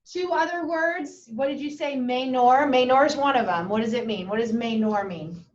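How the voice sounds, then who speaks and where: A woman's voice: high voice, moderate pace. Chatty woman teaching a Spanish class. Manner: chatty, encouraging, mixes Spanish and English. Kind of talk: classroom lesson. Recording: muffled classroom audio from a distant camera.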